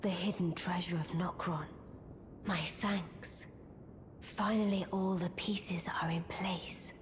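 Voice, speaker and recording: Casting: enigmatic fantasy game witch, whispery and imperious, lowish pitch, slow archaic delivery. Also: fairly even intonation, a little hiss or hum. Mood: cool, grateful. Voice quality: breathy, whispery. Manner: hushed, stately, formal archaic speech. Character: haughty, enigmatic young witch inhabiting a small doll. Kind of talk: archaic, theatrical video game dialogue.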